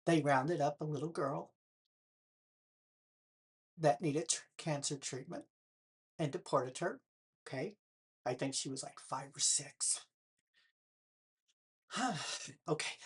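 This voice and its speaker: Slow, husky older woman questioning her viewers. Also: low voice. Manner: pointed rhetorical questions addressed to the viewer; sarcastic. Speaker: political vlogger. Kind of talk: direct-to-camera commentary.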